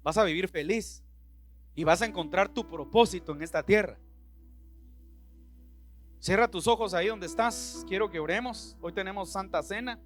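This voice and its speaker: Bright-voiced, high-pitched preaching man. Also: normal speed, long pauses, faint music behind. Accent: Central American Spanish. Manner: impassioned, acts out Bible dialogue in voices. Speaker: pastor. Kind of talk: sermon. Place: church.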